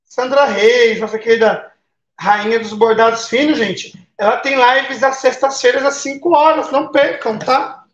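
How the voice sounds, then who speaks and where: A man's voice: extremely high pitch, a little slow, fairly bright tone. A Brazilian man talks casually on a live stream, greeting viewers one by one and tacking little questions onto his sentences. His voice sits in a roomy space. The sound is a bit dull and muffled. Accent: Brazilian Portuguese. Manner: chatty, greets viewers by name, tag questions. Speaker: live-stream baking host.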